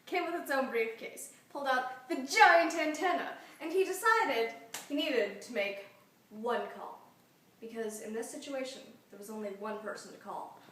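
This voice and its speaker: A woman with a high-pitched, fairly bright voice ad-libs a comic story at a moderate pace, meandering conversationally with casual asides. She sounds far from the mic in an echoey room, with faint background noise.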